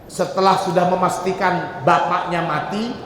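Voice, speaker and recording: A man's voice: sits high, steady tone, normal speed, a bit bright, slight background noise. A man teaching a religious book-study lesson, reading Arabic phrases and then explaining them in casual everyday speech. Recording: echoey hall with faint ambience.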